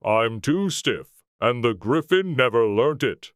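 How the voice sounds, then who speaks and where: Slow, mournful old Mock Turtle, acted by a narrator. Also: medium pitch, animated, clear, resonant tone, no room sound, clean studio sound. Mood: weary, resigned. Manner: sighing, slow, mournful storytelling. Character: melancholy, touchy old Mock Turtle, male. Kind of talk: dramatized storybook narration.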